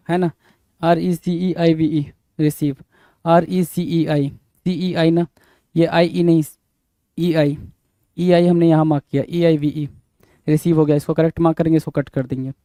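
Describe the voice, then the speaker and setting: Guy teaching spelling, says each letter, kinda high voice but mellow, super dry sound. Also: fairly even intonation, no room sound. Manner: spells words letter by letter, repeats and marks answers; brisk, addresses students as "bhai". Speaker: English teacher.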